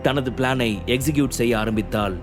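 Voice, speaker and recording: A man narrating a scripted audio drama in a brisk, expressive storytelling manner. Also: medium pitch. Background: faint background music.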